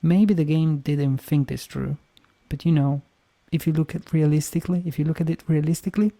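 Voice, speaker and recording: A man's voice: on the high side, steady tone, fairly quick, warm tone. A man giving casual game playthrough commentary, arguing his points and repeating them for emphasis. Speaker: video game streamer.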